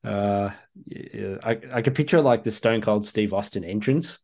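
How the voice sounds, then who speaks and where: A man hosts a laid-back sports podcast with a fairly low voice. He talks in an easygoing, chatty way, laughing often and filling gaps with ums. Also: normal speed, gravelly, darkish tone. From Australia. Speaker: podcast host. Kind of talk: casual chat.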